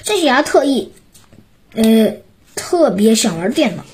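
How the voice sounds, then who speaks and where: A woman's voice: on the high side, very animated, measured pace, darkish tone, slightly rough, full character voice. A woman voicing a sly young schoolboy in a children's story, sounding eager and wheedling.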